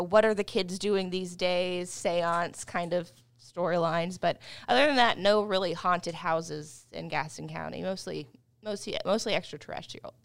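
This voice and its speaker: Smooth-voiced woman podcaster. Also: lowish voice, no room sound. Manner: rambling, halting with restarts. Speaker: podcast co-host and researcher. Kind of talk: casual podcast chat and reading aloud.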